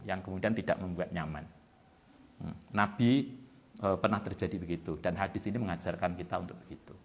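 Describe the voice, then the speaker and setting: Male religious teacher, Javanese accent, low voice, chatty lecturing with word-by-word glosses. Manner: explains in plain talk with Javanese word-by-word glosses of Arabic text, many fillers. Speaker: kitab teacher at an Islamic boarding school. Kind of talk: relaxed religious lesson. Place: boarding school study hall.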